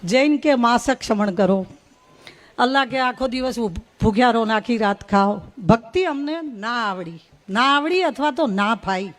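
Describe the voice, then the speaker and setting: A woman's voice: fairly high pitch, animated, moderate pace. A middle-aged woman from Gujarat, giving a humorous, folksy storytelling speech at a religious gathering. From North Gujarat. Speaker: guest speaker at a religious gathering.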